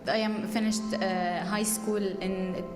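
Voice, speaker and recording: Woman, teens, student, hesitant, slow, echoey, music. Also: mid-range voice, little pitch movement. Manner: hesitant, halting introduction.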